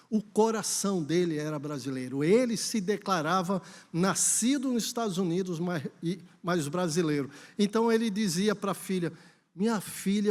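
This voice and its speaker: A Brazilian man preaching a sermon at a church conference, telling a story and then urging the congregation on with emphasis. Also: on the high side. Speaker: pastor. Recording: long hall reverb.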